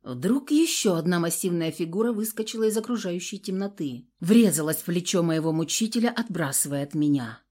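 A woman narrating a first-person audiobook with a dramatic, expressive delivery. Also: lowish voice, brisk, few pauses, husky.

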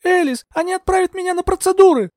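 A man reading an audiobook, voicing a desperate young woman heroine in pleading, shouted protests. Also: very high voice, fast, dry recording, studio quality, pitched above the performer's own voice. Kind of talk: audiobook character voice.

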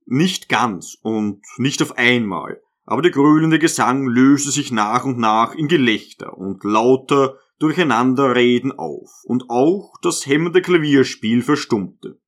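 A man's voice: mid-range voice, unhurried, hardly any pauses. A man reading a novel aloud. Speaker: audiobook narrator. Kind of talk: literary audiobook narration.

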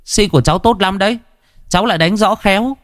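A poor, timid boy shoe shiner from Vietnam, played by a man narrating a storybook tale. He pleads quickly and politely in a voice pitched well above the performer's own. The sound is dry and close. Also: a bit bright, dry recording. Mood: eager pleading.

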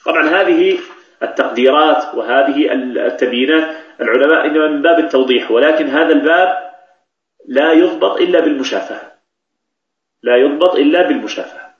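A man's voice: fairly high pitch, fairly quick. A man teaching Quran recitation rules, explaining patiently and repeating key phrases. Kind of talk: tajweed lesson with recited examples. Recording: echoey, dull lo-fi recording.

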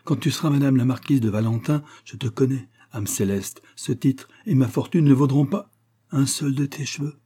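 A man's voice: medium pitch, moderate pace, warm tone, breathy edge, pitched above the performer's own voice, lightly acted. A man voicing a young woman in love, reading her lines with impassioned, breathless devotion in an audiobook. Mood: ardent.

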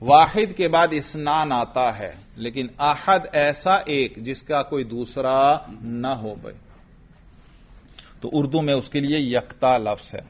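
A man teaching Arabic grammar in a lecture, quizzing students with quick questions and having them repeat answers. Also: medium pitch. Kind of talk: classroom lecture with drilling questions. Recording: dull lo-fi lecture recording.

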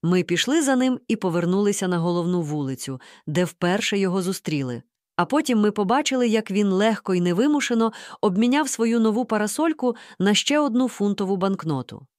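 Woman narrator for a storybook audiobook, animated pitch, dry close mic. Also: fairly quick, no echo. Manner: lively, expressive first-person storytelling. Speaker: audiobook reader.

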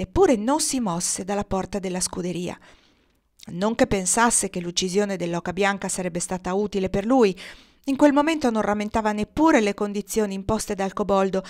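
A woman reading a children's novel aloud in a measured, gently expressive way. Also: mid-range voice. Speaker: reader.

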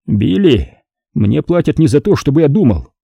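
A man's voice: a little high, big pitch swings, normal speed, gravelly, warm tone, husky, no room sound, lo-fi sound, pitched above the performer's own voice, exaggerated voice. A man voicing a cynical male gangster with a blunt, sardonic way of talking.

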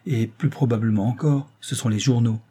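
A man reading aloud voices a stern doctor, speaking with grave, calm authority. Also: mid-range voice, normal speed, slightly rough, close to an everyday voice. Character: stern calm male doctor, family friend.

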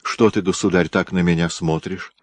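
A man's voice: low voice, steady tone, moderate pace, no echo. Man voicing a timid, meek young prince. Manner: soft, pleading, deferential.

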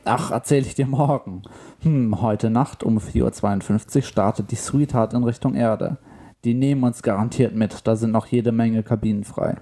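Ein Mann spricht einen lässigen, unbekümmerten Raumschiffkapitän beim Vorlesen einer Geschichte. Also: male voice, medium pitch, fairly even intonation, moderate pace, mellow, natural voice. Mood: breezy. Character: laid-back male space captain.

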